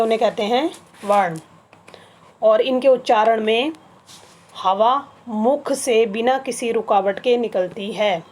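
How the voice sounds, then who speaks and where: A woman's voice: a little high, darkish tone. A woman teaching a grammar lesson to children, explaining patiently and repeating each item one by one. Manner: patient, spells things out slowly with repetition.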